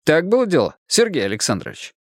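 A man doing a calm, measured police lieutenant. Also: on the high side, dry recording, studio quality, voice pushed up, heavily acted. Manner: measured, patient, formal. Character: calm patient male police lieutenant interrogator.

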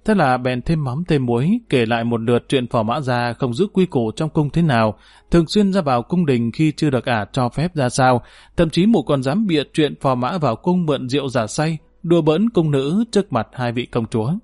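A man's voice: mid-range voice, expressive, brisk, a little mellow, no room sound, clean studio sound. A man narrating a historical novel, reading steadily and lifting his voice when characters speak. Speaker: audiobook narrator.

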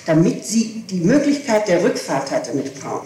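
Here a woman with a lowish, sing-song voice speaks at ordinary speed, insistently explaining herself as police question her. The recording is old archival tape, echoey and hissy, captured from a distance in a reverberant room.

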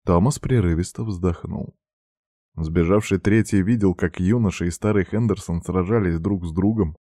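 A man narrates a novel in a very low, dark voice with steady, even storytelling. The sound is dry and close, with no room around it. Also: normal speed, no echo. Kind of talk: audiobook narration.

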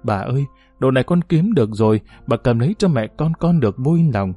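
A man reading an audiobook voices a poor young mother who speaks softly and pleadingly. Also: medium pitch, animated, fairly quick, no echo, faint music behind, close to an everyday voice. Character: poor young mother, tearful but gentle.

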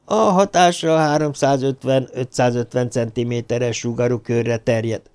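A man reading an audiobook, voicing a composed, elegant man who speaks with calm, measured authority. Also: mid-range voice, smooth, lightly acted. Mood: cool.

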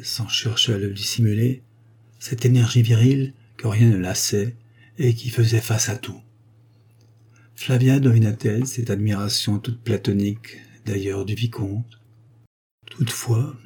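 A man reading a nineteenth-century novel aloud as an audiobook narrator, in a measured, expressive way. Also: lowish voice, slightly rough. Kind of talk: scripted literary narration.

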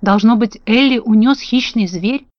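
Woman voicing a fretful storybook scarecrow, higher voice, dull lo-fi sound. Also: no echo, close to an everyday voice. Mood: anxious. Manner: slow, fretful questioning. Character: anxious male scarecrow, soft-hearted. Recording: dull lo-fi dry audio.

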